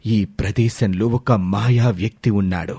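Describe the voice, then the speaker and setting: Cartoon storybook role: man voicing gentle, lonely male stranger, deeper than the narrator, slightly husky, calm warning delivery. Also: unhurried, no echo, clean studio sound. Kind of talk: animated storybook voice acting.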